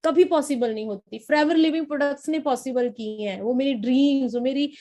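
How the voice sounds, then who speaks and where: A young woman from Punjab giving a lively, repetitive training talk to a sales team as its trainer. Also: high-pitched, normal speed. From Punjab, India. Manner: coaching, repetitive, lively storytelling. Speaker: network marketing trainer.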